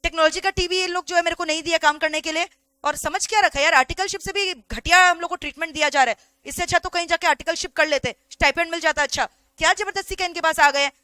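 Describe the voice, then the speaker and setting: Chatty Indian woman teacher, bright high voice. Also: fast, no room sound. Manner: chatty, keeps asking if students follow. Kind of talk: online lecture.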